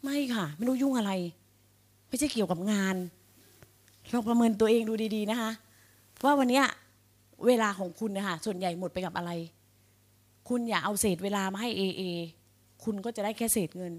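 An energetic middle-aged woman speaks to a live room of sales agents in a rallying pep-talk style. She keeps throwing questions at the crowd and drives her points home with conviction. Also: mid-range voice, moderate pace, long pauses. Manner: energetic, rallying, addresses audience directly with questions. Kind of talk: motivational speech to a live audience.

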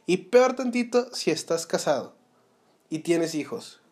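A man's voice: on the high side, sing-song, a little slow, darkish tone. Earnest Mexican man giving advice. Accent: Mexican Spanish. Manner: earnest, advising, addresses listener directly with rhetorical questions. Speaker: podcast host. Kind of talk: motivational solo podcast talk.

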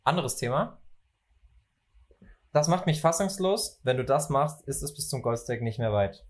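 A young man from Germany hosting a casual football chat, opinionated and animated when he makes a point. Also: medium pitch, moderate pace. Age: young adult. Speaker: podcast host.

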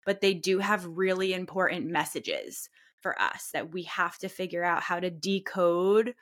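A woman's voice: fairly low pitch, fairly even intonation, unhurried, fairly bright tone. A woman therapist co-hosting a podcast, talking things through in a reflective, casual way with lots of "like". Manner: reflective, many "like" fillers.

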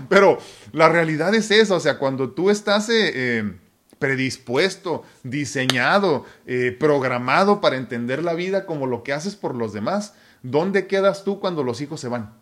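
A man's voice: a little high, lively intonation, normal speed, fairly bright tone. Male co-host, playful and talkative. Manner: joking and expansive, laughs often. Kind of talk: casual live-stream chat.

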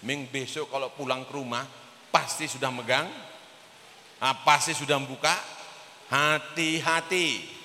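A man preaching an Islamic sermon, telling a story with acted-out dialogue, his voice swinging between loud and soft, sometimes chanting Arabic phrases. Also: mid-range voice, steady tone, a little slow, pauses often, a little hiss or hum. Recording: reverberant hall, faint ambience.

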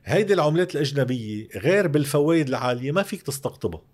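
Male Lebanese economic commentator, interview guest, quick delivery, emphatic and explanatory. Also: on the high side, lively intonation, darkish tone. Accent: Lebanese Arabic. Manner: emphatic, uses rhetorical questions.

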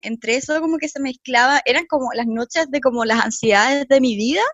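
A young Chilean woman tells stories to her friends in a high, bright voice, laughing and acting out what others said. Her voice is recorded close and dry, with no room sound. The chat is casual and quick to joke. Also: no echo. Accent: Chilean Spanish. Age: young adult. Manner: animated storyteller, laughs often, acts out quotes.

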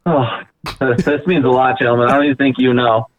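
A man's voice: mid-range voice, fairly even intonation, quick pace. Boastful man on a tinny phone line. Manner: hammy, boastful, playful. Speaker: caller. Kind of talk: casual chat.

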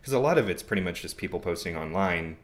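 Guy with a really deep voice just chatting, kinda rambly. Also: fast. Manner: relaxed, rambling with many "like"s. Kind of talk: casual conversation.

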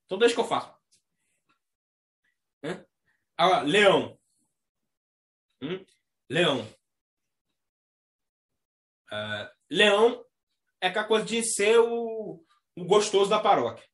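A man with a Brazilian Portuguese accent hosting a casual astrology chat, talking in a slangy, animated way and mimicking the people he describes. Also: high voice, slow pace, pauses often. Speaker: astrology talk host. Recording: echoey room.

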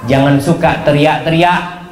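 Animated male preacher, echoey room. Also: measured pace, a little hiss or hum. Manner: animated, swings pitch and volume for emphasis. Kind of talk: sermon.

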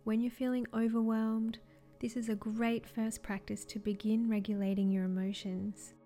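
A woman with a fairly high, mellow voice delivers scripted wellness guidance. Her delivery is soft, soothing and measured, like a guided relaxation, with faint music underneath. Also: flat delivery. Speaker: wellness coach.

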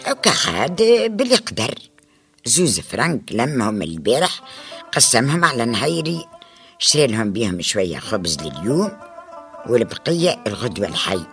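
Tunisian grandma storyteller, Arabic folk-tale narration, chatty, swooping intonation, faint music behind. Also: female voice, a bass voice, very animated, moderate pace, a bit bright, heavily acted. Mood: sympathetic. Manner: colloquial, chatty, dramatic storytelling. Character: folksy grandmother storyteller, Mama Rafia, addressing children.

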